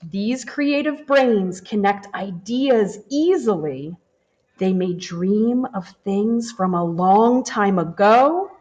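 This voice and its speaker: A woman reads a children's picture book aloud slowly and gently, like a teacher with a class, her pitch rising and falling widely in an expressive, animated, warm way. The camera is over the book as hands turn the pages. The high frequencies are cut off.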